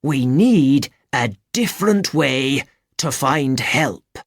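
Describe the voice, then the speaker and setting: A woman reading aloud and voicing a kind, practical old grandfather in a storybook, steady and patient. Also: extremely low pitch, slow, no echo, clean studio sound, heavily acted. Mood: thoughtful.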